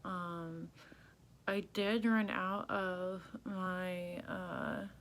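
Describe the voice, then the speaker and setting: Slow, creaky woman talking through a clenched jaw. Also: fairly low pitch, fairly even intonation, fairly bright tone. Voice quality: restricted jaw movement, as if talking with jaw held shut. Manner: slow, halting, subdued. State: sore, swollen mouth after jaw surgery; very tired. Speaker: video blogger. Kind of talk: casual recovery vlog.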